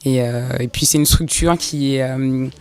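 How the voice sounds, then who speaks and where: Chatty tourism entrepreneur, fillers galore. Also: female voice, very deep voice, fairly even intonation, measured pace, a little mellow, clean tone. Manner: fluent but filler-heavy, says 'en fait' often.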